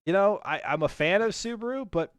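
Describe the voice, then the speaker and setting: A man's voice: high voice, expressive, a little fast, clear, resonant tone, dry recording. A man hosting a racing stream, chatting casually and joking, often restarting his sentences and laughing. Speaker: stream host.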